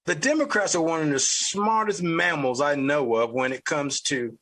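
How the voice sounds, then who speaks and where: A man's voice: on the high side, normal speed, a bit bright. A man with a Southern US accent hosting an opinion podcast, talking in a blunt, profane, ranting way. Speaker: podcast host. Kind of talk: opinion commentary.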